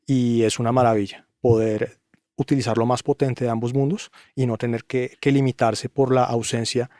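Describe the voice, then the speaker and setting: A man's voice: medium pitch, little pitch movement, moderate pace, a little mellow, dry recording, studio quality. Emphatic man making his case. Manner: emphatic, opinionated, repeats points with rhetorical questions. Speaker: guest, audio engineer. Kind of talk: podcast interview.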